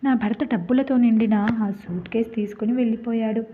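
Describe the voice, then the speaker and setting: A woman's voice: fairly high pitch, steady tone, fairly quick, slightly rough. A woman narrating a dramatic first-person story, telling it with emotional, tearful-toned delivery. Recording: tinny phone-like lo-fi.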